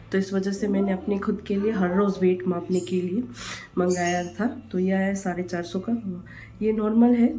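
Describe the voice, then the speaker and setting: A young woman, chatting casually through a home vlog and laughing at herself. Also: mid-range voice. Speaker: vlogger. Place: family home, indoors and on a rooftop.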